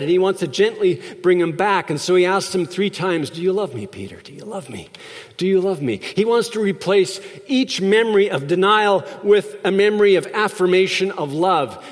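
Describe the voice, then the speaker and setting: A man preaching a sermon as a pastor, reflective, asking his listeners rhetorical questions. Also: high-pitched. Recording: long reverb of a large hall.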